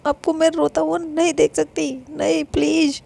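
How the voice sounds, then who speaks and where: A woman's voice: high-pitched, little pitch movement, a little slow, vocal fry, dark tone, exaggerated voice. A woman voicing an anxious, devoted younger sister who pleads urgently and stumbles over repeated words. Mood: soothing. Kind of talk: dramatized story reading.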